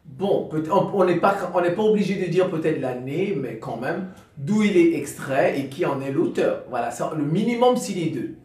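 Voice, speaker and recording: High-voiced male teacher, echoey room. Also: lively intonation, normal speed, a little mellow. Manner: hesitant and repetitive, restarts often, addresses students directly. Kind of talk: classroom-style explanation. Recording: very echoey room, mic far off.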